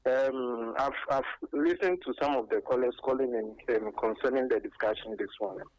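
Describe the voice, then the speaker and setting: A woman's voice: very deep voice, moderate pace, a little mellow, no room sound. A woman with a Ghanaian accent calling in to a radio sports show over a clipped phone line, making her case earnestly and emphatically with frequent hesitations. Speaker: radio call-in caller. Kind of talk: call-in opinion on a sports show. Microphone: telephone.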